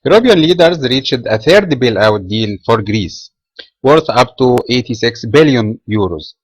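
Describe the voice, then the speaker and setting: A man's voice: mid-range voice, fairly bright tone, dry recording, rough recording. Egyptian-raised man reading market commentary. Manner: reads from a script, measured with filler pauses. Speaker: market commentator and trading trainer. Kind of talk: read market commentary webinar.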